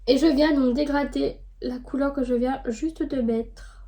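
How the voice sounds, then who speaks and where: A woman, chatting casually through a makeup tutorial with lots of fillers, dropping to a soft murmur while she works. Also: high voice, fairly even intonation, a little slow. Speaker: beauty vlogger.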